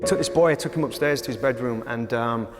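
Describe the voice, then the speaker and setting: A man who manages children's homes, telling his story in an interview in an earnest, halting way, repeating himself as emotion catches him. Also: medium pitch, long reverb tail, over music.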